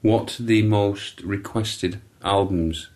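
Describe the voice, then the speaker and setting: A man's voice: lowish voice, steady tone, slow pace, a little mellow. A man co-hosting a podcast, chatting casually with dry, probing questions. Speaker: podcast co-host. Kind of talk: casual chat.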